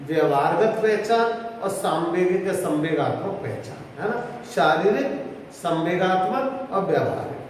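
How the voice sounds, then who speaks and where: A man's voice: sits high, a little mellow, slight background noise. A male psychology teacher giving an exam-prep lecture, explaining step by step and checking in with rhetorical questions. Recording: echoey room, distant mic, faint background.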